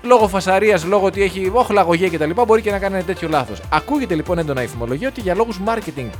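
A man's voice: high voice, expressive, faint music behind. A middle-aged man co-hosting a radio show in casual chat, rambling and joking as he talks. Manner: chatty, rambling, jokey. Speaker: radio co-host.

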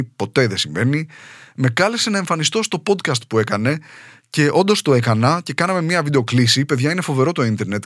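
A man's voice: mid-range voice, a bit bright, no echo, clean studio sound. A man from Trikala, Greece, a stand-up comedian talking casually and at length to his podcast listeners, rambling and chatty.

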